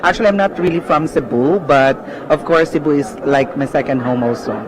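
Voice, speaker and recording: A man's voice: fairly high pitch, a little fast, crowd noise. A man chatting casually as an interviewed guest and pageant fan. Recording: noisy crowded outdoor event.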